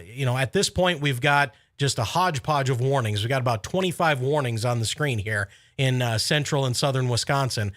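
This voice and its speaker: Male forecaster for live severe weather coverage, mid-pitched, measured yet urgent, recorded close and dry. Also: a bit bright, no room sound. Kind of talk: live tornado warning commentary.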